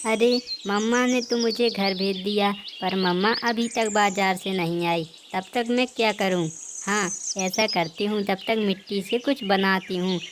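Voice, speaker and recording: A woman's voice: medium pitch, fairly even intonation, a little slow, noisy background, lightly acted. A woman voicing an innocent, playful young girl sparrow in a cartoon. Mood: musing.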